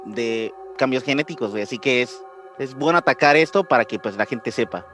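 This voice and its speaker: This podcast host is a man with a Puerto Rican accent whose medium-pitched, somewhat bright voice moves a little fast. He explains things in an informal way, leaning on slang and repeating phrases, while music runs in the background.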